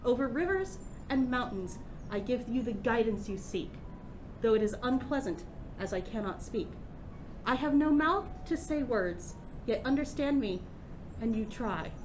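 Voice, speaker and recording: A woman's voice: on the high side, lively intonation, measured pace, slight background noise, low-quality recording. A woman voicing a taunting, menacing old hag who poses riddles in a tabletop game. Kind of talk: tabletop game role-play.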